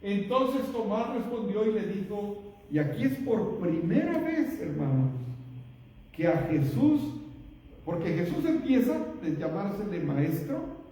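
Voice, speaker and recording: High-voiced pastor preaching in an echoey hall. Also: male voice, very animated, measured pace, mellow. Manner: keeps calling the congregation brothers and asking rhetorical questions. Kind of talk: sermon. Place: church sanctuary. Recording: echoey church hall picked up from far off.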